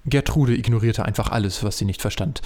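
A man narrating a comic fan audio drama in a dry, deadpan way. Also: lowish voice, brisk.

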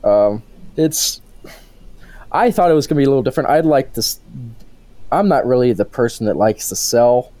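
Co-hosting a laid-back podcast, this eighteen-year-old speaks at medium pitch in a mellow, expressive voice, normal in speed but broken by long pauses, with no echo. His talk wanders, and he often cuts himself off to start over.

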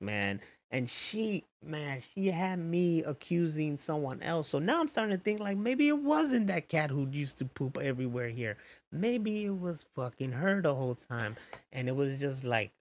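A man telling a loose, profane story in a casual, animated monologue. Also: on the high side, dry recording.

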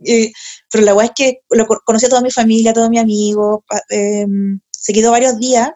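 A young Chilean woman hosting a podcast tells a personal story in relaxed, slangy Chilean Spanish, swearing freely and laughing often. Her voice is a little high, mellow and steady, and she talks a bit fast.

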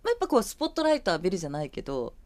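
A woman's voice: fairly low pitch, huge pitch swings, rapid-fire, darkish tone, no echo. A woman hosting a radio interview, polite and encouraging, steering the talk with frequent backchannels. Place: radio studio.

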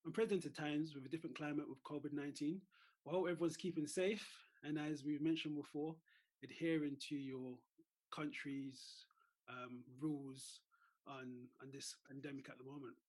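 Chatty podcast host man, slightly high voice. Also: fairly even intonation, normal speed, darkish tone. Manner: friendly, hesitant with many fillers. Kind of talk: casual podcast interview. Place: home.

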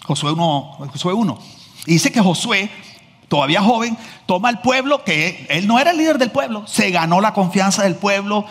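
A man preaching a sermon as pastor, telling stories in a lively, joking manner. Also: sits high, fairly quick, slightly rough. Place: large church hall. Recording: echoey church hall.

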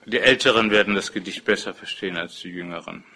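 A man slowly reading his own poems aloud in a calm, measured voice. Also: low-pitched. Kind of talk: slow poetry reading.

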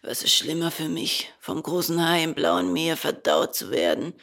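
A woman voicing a calm, resigned old male dolphin with a hoarse voice. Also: sits low, full character voice. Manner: calm, unhurried.

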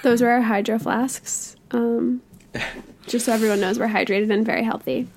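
A woman with a fairly high, nasal voice, stuffed up as if sick. She chats casually as a podcast co-host. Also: steady tone, moderate pace, background noise. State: congested from being sick. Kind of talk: casual chat.

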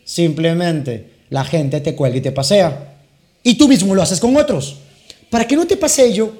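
A man teaching sales persuasion who deliberately plays with his tone, speed and volume, mixing dramatic pauses with sudden bursts. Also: high-pitched, a little mellow. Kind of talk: teaching lesson with role-played phone calls.

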